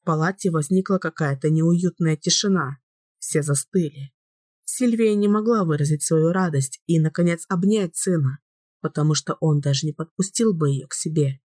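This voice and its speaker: A woman narrating a first-person romance novel in a steady, measured way. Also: sits low, dry recording, studio quality. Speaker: audiobook reader.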